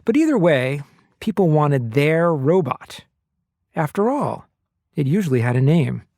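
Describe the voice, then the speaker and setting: A man hosting a podcast, reading scripted narration in a measured way. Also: a little high, sing-song, a little mellow, dry recording, studio quality. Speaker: podcast host.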